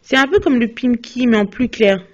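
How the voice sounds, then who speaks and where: A young beauty vlogger chats casually about her recent beauty purchases in a product haul, sounding hesitant, with plenty of fillers and restarts. Her fairly high voice is expressive and moves at a normal speed. It's a dull, lo-fi phone video.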